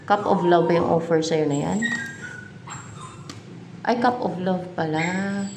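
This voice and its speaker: Slow musing Filipina tarot reader. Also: female voice, fairly low pitch, fairly even intonation. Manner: slow, musing, thinking aloud and questioning herself. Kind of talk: tarot card reading. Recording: echoey room, faint background noise.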